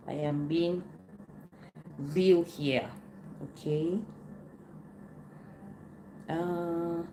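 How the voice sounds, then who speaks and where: Slow, mellow-voiced woman. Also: fairly low pitch. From Cameroon. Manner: unhurried, repeats phrases and searches for words. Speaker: livestream host answering viewer questions. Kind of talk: casual live Q&A. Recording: roomy echo, faint background noise.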